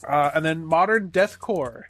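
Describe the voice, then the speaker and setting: A man's voice: fairly high pitch, a little slow, a bit bright, no room sound, faint music behind. A man co-hosting a podcast, chatting casually in an enthusiastic, profane, rambling way with lots of fillers. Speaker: podcast co-host. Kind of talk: casual chat.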